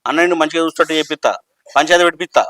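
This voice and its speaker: A man playing a fast-talking young brother-in-law. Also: a little high, a bit bright, no echo, close to an everyday voice. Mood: consoling. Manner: rapid, comforting. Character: eager young village brother-in-law, consoling and boastful.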